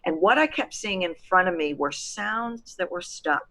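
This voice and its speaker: A middle-aged woman from Texas, a voice coach, explaining her methods in an interview with an animated, emphatic manner. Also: mid-range voice, normal speed. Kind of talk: expert guest in an interview.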